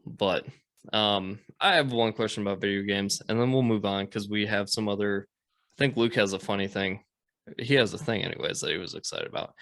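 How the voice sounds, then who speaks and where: A man's voice: on the low side, a little fast, a bit bright, dry recording. A man from the United States hosting a podcast, telling a long story in casual, rambling talk with lots of fillers and swearing. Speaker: podcast host.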